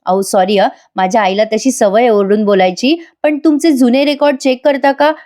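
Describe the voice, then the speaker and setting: A woman's voice: a little high, normal speed, mellow, lightly acted. A woman voicing a pushy, scheming young woman who talks with insistent urgency.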